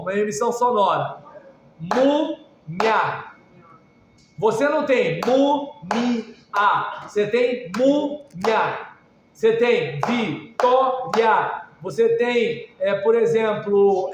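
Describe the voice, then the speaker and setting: High-voiced man teaching in an echoey room. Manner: energetic, drills points by repeating them. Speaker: Portuguese teacher. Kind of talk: recorded grammar lesson. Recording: very echoey room, faint noise.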